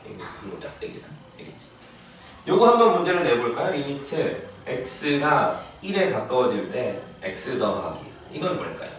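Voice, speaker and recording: Lively male teacher in echoey classroom. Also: mid-range voice, moderate pace. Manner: lively, asks students frequent check-in questions. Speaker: math teacher. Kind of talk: classroom math lecture. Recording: echoey classroom from far off, faint noise.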